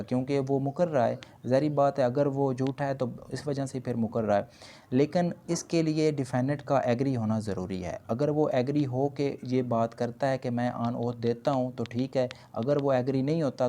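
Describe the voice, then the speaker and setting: A law lecturer with a Pakistani accent speaks in a dark, mid-range voice, lecturing didactically. He reads out points, then explains them with repetition, switching between two languages. A little hiss or hum sits in the recording.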